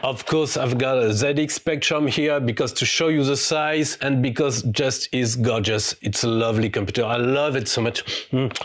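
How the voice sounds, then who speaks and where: A man from France with a French accent, speaking English as a second language, presenting a retro computer vlog with eager excitement. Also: mid-range voice, moderate pace, few pauses. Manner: eager, excitable, non-native phrasing.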